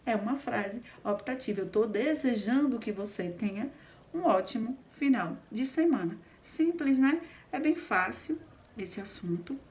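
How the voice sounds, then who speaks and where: A woman's voice: a little high, animated, unhurried, darkish tone. A woman teaching a grammar lesson, explaining step by step and often checking in with the class. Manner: explains patiently, checks in with frequent "certo?".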